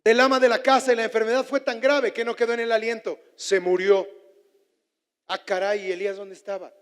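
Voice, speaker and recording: Male pastor, very high pitch, fervent sermon delivery with shouted climaxes, long church hall reverb. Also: little pitch movement, brisk, clear, resonant tone. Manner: fervent preaching, leads congregation in repeated declarations; shouts and stretches words at climaxes.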